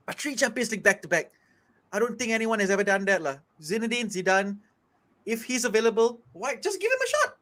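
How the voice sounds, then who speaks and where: A man's voice: high-pitched, fairly bright tone. A man with a Malaysian English accent giving an emphatic, exasperated fan's rant on a football panel show. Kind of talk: passionate fan rant.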